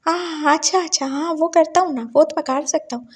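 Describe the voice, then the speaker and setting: A woman's voice: sits high, steady tone, quick pace, close to an everyday voice. Woman voicing a flustered young man.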